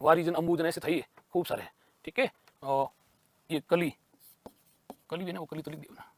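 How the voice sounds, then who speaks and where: A man's voice: fairly high pitch, steady tone, moderate pace, a little mellow. A man teaching a grammar lesson for exam prep. He asks questions and answers them himself, and he repeats key terms.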